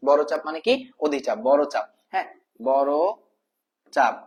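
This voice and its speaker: Fairly high-pitched and lively in intonation, the man speaks at normal speed. He's a math tutor giving a laid-back spoken lesson, repeating each term and asking the viewer questions while calling them brother.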